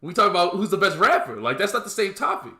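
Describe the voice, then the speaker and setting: A man's voice: high voice, big pitch swings, fast talker, bright, forceful tone. A man co-hosting a casual podcast, rambling with frequent restarts and ending lines with "man.". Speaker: podcast co-host. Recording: echoey room.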